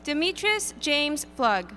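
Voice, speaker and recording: High, lilting woman reading names. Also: very animated, sharp tone, faint music behind. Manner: deliberate, lilting name announcing. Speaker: graduation name reader. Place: outdoor stadium ceremony over PA.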